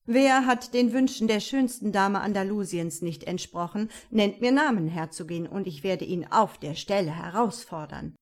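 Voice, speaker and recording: A woman reading the lines of a flattering, two-faced nobleman in an audiobook. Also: medium pitch, normal speed, few pauses, lightly acted. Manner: flattering, grandiose. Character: sticky-sweet, two-faced nobleman suitor.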